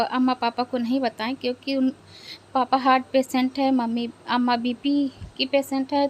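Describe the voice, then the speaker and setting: A young woman vlogger, quietly and sadly recounting a family loss with hesitant pauses. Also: on the high side. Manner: sad, subdued, hesitant retelling of a family loss. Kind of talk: personal vlog storytelling.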